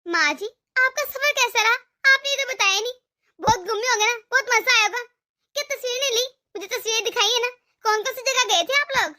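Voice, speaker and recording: A woman's voice: very high-pitched, a little fast, exaggerated voice. A woman voicing a sweet young daughter-in-law in a cartoon, soothing her mother-in-law. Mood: cheerful. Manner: soft, soothing. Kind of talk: cartoon voice acting.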